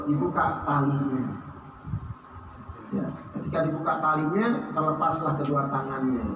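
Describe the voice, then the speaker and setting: A man preaching and telling a story. His voice sits a little high, and he swings between loud high exclamations and low hushed lines. He is recorded from a distance in a long, echoing hall with clear background noise. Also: highs cut off. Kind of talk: sermon storytelling. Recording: echoey hall, heard from a distance.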